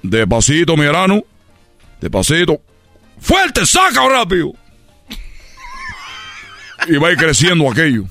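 In a radio comedy sketch, a man voices a boastful male Cuban baseball player with a Cuban accent, telling a story brashly with loud exclamations. His voice is a little high and expressive at normal speed, over soft background music.

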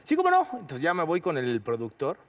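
A man with a Mexican accent, an actor guest telling a lively anecdote full of slang and quick asides. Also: fairly high pitch.

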